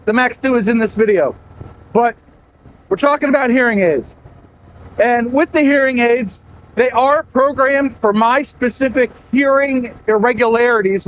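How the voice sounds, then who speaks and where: A man talking loudly to camera while riding a motorcycle, raising his voice over the wind. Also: very high-pitched. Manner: loud, yelling over wind noise. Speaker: motorcycle vlogger. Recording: muffled sound with faint engine and wind noise.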